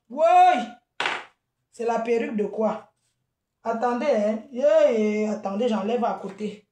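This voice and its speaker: A woman with a high voice holds forth in an unscripted live video, scolding her critics and then turning chatty and full of laughter. She sits back from the mic, and the room around her rings. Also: vocal fry, dark tone, reverberant, far from the mic, slight background noise. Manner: chatty and laughing, calls listeners "maman". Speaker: event planner and vendor.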